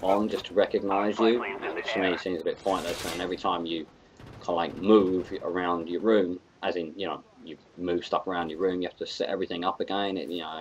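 A young man with a British accent talks through a match in a low, loose, chatty way, full of offhand asides. Steady gunfire and game noise keep rattling away under his voice. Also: low-quality recording. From United Kingdom. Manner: chatty, rambling, sarcastic about campers. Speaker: gaming commentator. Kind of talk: casual gameplay commentary.

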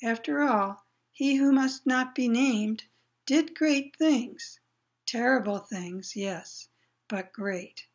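A woman voicing an eccentric old male wandmaker, fussy and eerie, moving from low murmurs to excited cries. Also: slow. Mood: hushed, intent.

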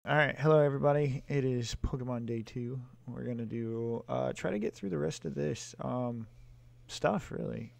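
A young man co-hosting a game stream, relaxed and rambling, laughing easily. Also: mid-range voice, moderate pace, creaky. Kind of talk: casual gameplay commentary.

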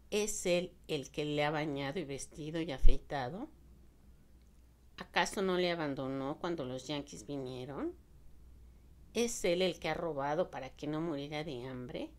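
A woman narrator voicing a proud, strong-willed young Southern woman who speaks firmly and insistently. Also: low-pitched.

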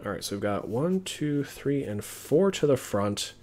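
A man streaming himself opening trading card packs, chatting casually and getting excited over his pulls. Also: mid-range voice, a little slow. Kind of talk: casual live-stream commentary.

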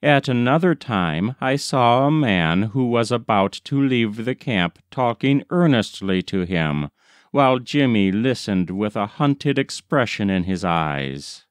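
Reading a short story for an audiobook, this man speaks slowly and expressively, letting his pitch move up and down in a smooth voice. The sound is close and dry, with almost no room tone and no echo at all.

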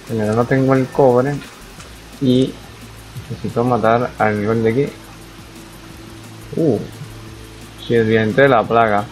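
Gaming commentator: young man, mid-pitched, chatty, talking to himself over faint background music. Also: fairly even intonation, slow, long pauses, poor audio. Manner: chatty, reacts aloud to the game, talks to himself. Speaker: gaming YouTuber. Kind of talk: casual let's-play commentary.

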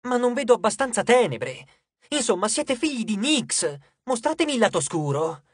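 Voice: medium pitch, very animated, normal speed, husky, no room sound, clean studio sound, voice pushed up. A narrator voicing Annabeth, bold teenage demigod girl. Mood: taunting. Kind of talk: audiobook character voice.

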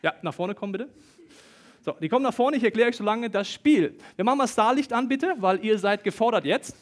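A man preaches with a high, lively voice in a church hall, addressing the congregation directly. He reads Bible passages aloud and acts out the quoted people as he goes. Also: brisk. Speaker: pastor. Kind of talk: lively sermon with Bible reading. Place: church service hall with an audience. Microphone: stage microphone.

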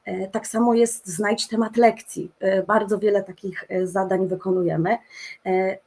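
A woman's voice: medium pitch, little pitch movement, measured pace, a little mellow, slightly rough. A middle-aged woman, a special education teacher, presenting at an online conference, speaking off the cuff with many filler sounds and restarts, over a computer mic. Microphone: computer mic on a video call.

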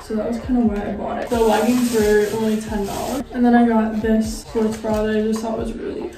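Young woman, slightly high voice, chatty vlogger, hotel room, music underneath. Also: level tone, brisk. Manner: chatty, uses "like" often. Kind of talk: casual vlog chat.

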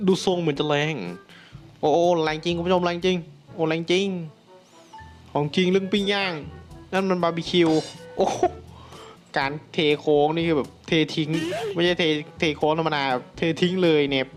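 A young man talks through a game he is playing, excitable and quick to burst out in loud exclamations as he speaks to his viewers. His voice sits fairly high for a man. Faint music plays behind him. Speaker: gameplay commentator. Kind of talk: casual game commentary.

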